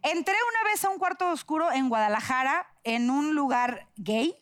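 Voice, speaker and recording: A middle-aged woman with a Mexican accent, a guest in casual chat, telling stories in an animated way and laughing often. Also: high voice, moderate pace.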